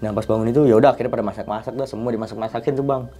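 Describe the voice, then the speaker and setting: A young man, a podcast guest casually telling a story in slangy, animated chat. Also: medium pitch, racing, breathy edge. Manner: animated, slangy, often addresses the host as 'Bang'.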